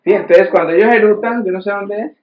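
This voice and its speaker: A man's voice: sits high, quick pace, reverberant, narrow, tinny audio. A man preaching a sermon in a conversational way, often restarting sentences and acting out quoted voices. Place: church hall.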